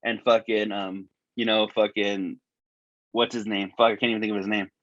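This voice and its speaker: A man's voice: on the low side, level tone, moderate pace, fairly bright tone, no echo. Man, podcast co-host, tinny earbud-mic sound, dull lo-fi audio, rambling casual talk, lots of cursing. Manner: rambling, heavy cursing and fillers. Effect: tinny sound from earbud microphone. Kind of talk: casual chat. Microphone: wireless earbuds as microphone.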